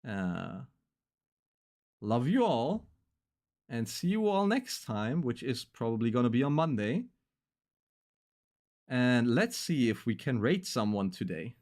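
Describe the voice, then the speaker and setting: A man's voice: mid-range voice, sing-song, measured pace, darkish tone. Rambling young male streamer. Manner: loose, rambling, filler-heavy. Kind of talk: casual stream sign-off.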